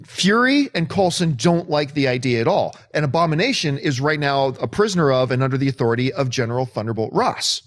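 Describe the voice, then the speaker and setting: A man's voice: medium pitch, expressive, fairly quick, few pauses. A man hosting a movie news chat, explaining a theory earnestly and at length. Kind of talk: casual panel chat.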